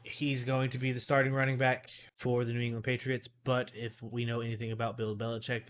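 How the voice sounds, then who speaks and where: A man co-hosting a casual fantasy football podcast, rambling and correcting himself as he talks. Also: mid-range voice. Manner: rambling, self-correcting, filler-heavy. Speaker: podcast co-host.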